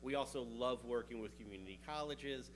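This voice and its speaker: A researcher with a New York accent gives a casual conference talk on vehicle technology, chatty and joking here and there. His voice is medium-pitched and a little fast, with a little hiss or hum in the recording.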